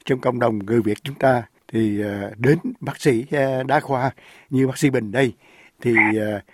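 A man's voice: medium pitch, steady tone, moderate pace, darkish tone, dry recording, clean studio sound. A man hosting a radio interview, polite and deferential, with frequent fillers. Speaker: radio host.

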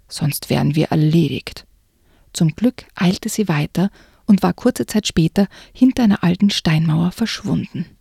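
Whispery, gravelly woman reading aloud. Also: fairly low pitch, mellow, dry recording, clean studio sound. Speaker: reader and co-host. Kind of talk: reading a book excerpt aloud.

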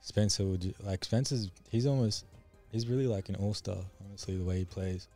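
Low-ish voice guy breaking down nba teams, lots of um and like, faint music. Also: a little fast, warm tone. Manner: hesitant, filler-heavy analysis. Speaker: podcast co-host. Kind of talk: casual basketball chat.

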